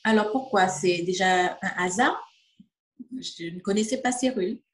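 A woman's voice: medium pitch, a little slow, reverberant. Hesitant fifty-year-old woman from French Guiana. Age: 50s. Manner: hesitant, many fillers, acts out quoted dialogue. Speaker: interviewee, distributor. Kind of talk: testimonial interview.

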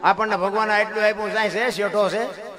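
A man delivers an animated folk sermon from a stage, speaking straight to his listeners. His voice sits high for a man and leaps into loud bursts. Musical instruments play clearly behind him throughout this live recording. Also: fairly quick, music in the background. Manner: animated, calls listeners 'bapu', sudden loud rises. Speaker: folk storyteller. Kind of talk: folk storytelling sermon before an audience.

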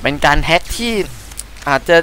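A young man with a Thai accent giving chatty, excitable let's-play commentary, often startled into quick exclamations. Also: slight background noise, poor audio. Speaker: gaming channel host.

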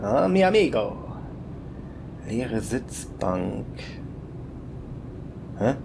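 Male let's player, unhurried and musing, rumble from the game behind. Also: big pitch swings, vocal fry. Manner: musing, chuckling, thinks aloud. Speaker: let's play commentator. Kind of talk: casual gameplay commentary.

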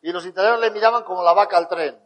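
High-voiced man telling stories. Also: rapid-fire. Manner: animated storyteller, acts out quotes. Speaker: motivational speaker. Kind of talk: storytelling talk to an audience. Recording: long hall reverb.

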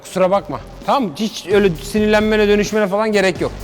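A man vlogging in a joking, animated way, talking to his viewers. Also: high voice, rapid-fire, faint music behind. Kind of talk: comedic vlog.

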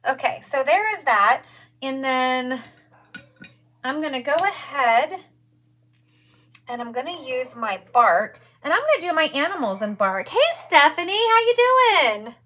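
A woman in her forties hosts a live craft demonstration from her studio, chatting, gushing, and greeting viewers by name as she works. Her high voice is sing-song and sharp-toned, at a measured pace.

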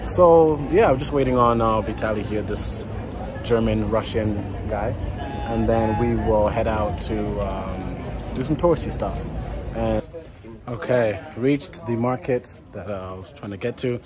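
Walking down a busy city street, a travel vlogger in his twenties talks casually into a handheld camera held at arm's length, rambling with fillers and restarts. His voice is on the low side and his pace measured. Music plays over traffic and street noise.

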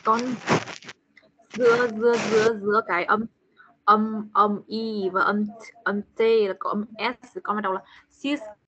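Slow patient woman teaching on a call. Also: medium pitch, flat delivery, fairly bright tone, slight background noise. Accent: Vietnamese. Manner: slow, patient, repeats words for the child to copy. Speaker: English teacher. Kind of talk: online class, drilling a child. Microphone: video call. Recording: dull lo-fi call audio.

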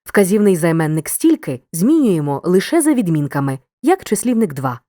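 A woman narrating a scripted grammar lesson in a clear, measured, instructive way. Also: lowish voice, big pitch swings, dark tone, no echo, studio quality.

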